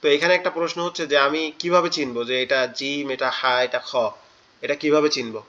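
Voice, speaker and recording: Bright-voiced man teaching letter sounds. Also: fairly high pitch, muffled recording. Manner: patient, repeats each letter sound slowly. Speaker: Quran tajweed teacher. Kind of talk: online class instruction. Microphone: online class audio.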